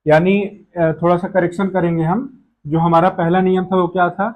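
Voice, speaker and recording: A man's voice: sits high, little pitch movement, normal speed, a little mellow, low-quality recording. A man teaching a grammar lesson, explaining step by step and answering his own questions.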